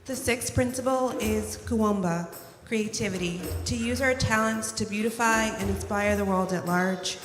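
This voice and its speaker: A woman's voice: medium pitch, normal speed, hardly any pauses, music in the background. Woman reading in a reverberant hall. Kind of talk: reading and reflection at a service. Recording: distant mic in a reverberant hall.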